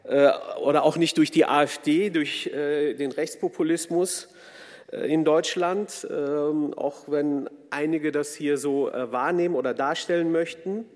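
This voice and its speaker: A man of Kurdish background from Turkey, raised in Germany, delivers an earnest, formal speech full of hesitations and filler words. His voice is slightly high, fairly even, a bit slow, and a little mellow. The recording carries a long hall reverb.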